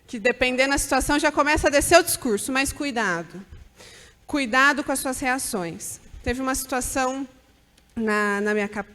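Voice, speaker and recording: Woman, high voice, earnest church talk to mothers, long echo of a hall. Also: a bit bright. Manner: earnest, direct, advising. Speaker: church speaker at a mothers' gathering.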